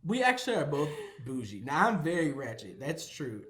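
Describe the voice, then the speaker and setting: A man's voice: on the high side, very animated, a bit bright, slight background noise. A man who is a pastor, chatting casually on a home vlog, teasing his partner and telling stories with frequent laughter. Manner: playful, teasing, laughs often, drawn-out storytelling. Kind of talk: casual chat.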